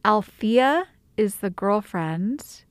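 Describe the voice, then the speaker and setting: A woman's voice: medium pitch, lively intonation, drawn-out words, no room sound. A woman co-hosting a podcast, chatting casually with many fillers and restarts. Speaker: podcast co-host. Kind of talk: casual chat.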